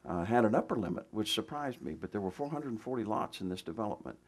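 A man's voice: on the low side, expressive, fast, husky. A male pastor giving a folksy, conversational sermon in a church, full of restarts and asides. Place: church sanctuary.

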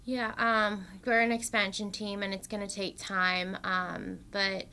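A woman's voice: medium pitch, measured pace, clean tone. A young woman, a soccer defender, answering questions after a match with many "um"s. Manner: steady, filler-heavy answers with many "um"s. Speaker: soccer defender at a press conference. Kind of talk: post-match press answers. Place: press room in front of a sponsor backdrop.

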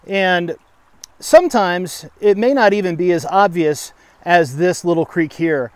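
High-voiced middle-aged man, forester explaining. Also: a little slow, no room sound. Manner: steady, plain-spoken explaining with occasional fillers. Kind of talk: on-site educational explanation. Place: outdoors in a forest by a creek.

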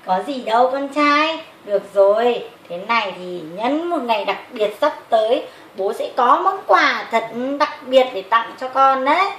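A doting, exclamatory father bear played by a woman in a children's puppet tale. He is proud and affectionate. The voice is high, in a roomy, noisy recording. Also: animated, measured pace, hardly any pauses, fairly bright tone. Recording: roomy echo with clear background noise.

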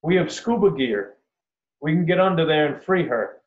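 A male boater, voiced by a storyteller, cups his voice and calls out loudly across the water. The recording is roomy and a bit muffled. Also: fairly high pitch, animated, moderate pace, voice pushed up, lightly acted. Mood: urgent. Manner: raised, calling out.

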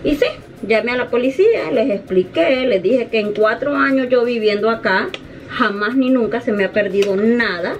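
A woman's voice: a little high, normal speed, a little hiss or hum. A middle-aged woman vlogger telling an indignant story in casual chat to the camera, often quoting other people. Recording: dull, slightly distant home recording.

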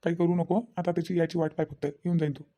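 Man playing a cartoon father-in-law, very fast, dark mellow tone, lecturing. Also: a little high, level tone, lightly acted. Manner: lecturing, reproachful. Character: stern, scolding village father-in-law. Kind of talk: cartoon voice acting.

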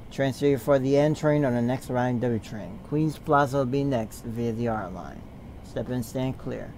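A man's voice: medium pitch, a little mellow, slight background noise. A man announcing stops and transfers over a subway train's PA system, with a repetitive, slightly stumbling conductor delivery.

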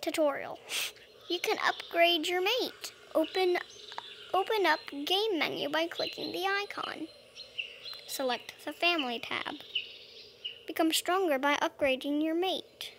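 A child hosts a gaming video, chatting playfully in character and talking to himself or herself while playing, as casual role-play commentary. The voice is very high-pitched and a little slow, with background noise and game music behind it.

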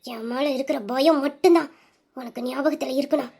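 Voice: sits high, steady tone, a little fast, darkish tone. A performer voicing a jealous, cruel woman in an audio story, spitting cold, vicious threats.

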